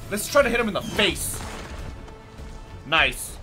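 A young man giving casual, playful and excitable commentary while playing a video game. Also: sits high, takes it slowly. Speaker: gaming video host. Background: video game music.

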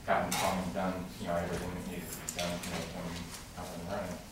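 Man speaking at a council meeting, low voice, flat delivery, echoey distant room, noisy. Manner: halting, many fillers and restarts. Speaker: public commenter at a city council meeting. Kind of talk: public comment. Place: large council chamber with tall windows. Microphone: room mic from far off. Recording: echoey chamber recorded from far off with noise.

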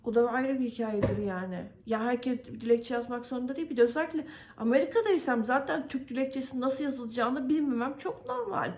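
A woman from Turkey tells her story to the camera in a casual vlog, her voice sitting a little high. She vents her frustration, stopping often on fillers and acting out what others said to her. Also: a little fast, darkish tone. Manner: venting frustration, many fillers, quotes others. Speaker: vlogger.

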